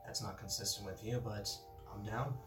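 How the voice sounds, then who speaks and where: A man playing a tabletop game, improvising in character in a halting, hesitant way. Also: fairly low pitch, steady tone. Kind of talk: improvised role-play chat. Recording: echoey room, distant mic, music behind.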